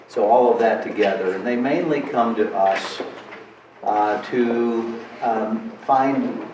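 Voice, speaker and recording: A man introducing himself as a financial planner on a panel, relaxed and friendly, in a meeting room. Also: on the low side, slow pace. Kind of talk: casual self-introduction. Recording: echoey room from far off, noticeable noise.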